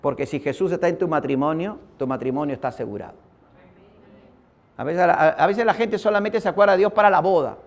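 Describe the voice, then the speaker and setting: A man's voice: on the high side, a little fast. A man preaching a sermon, telling a personal story and addressing his listeners as brother.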